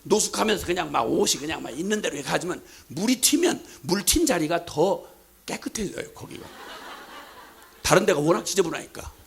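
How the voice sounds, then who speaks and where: A man preaching a sermon as pastor, impassioned, at times shouting. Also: fairly high pitch, animated, brisk, creaky, slightly rough.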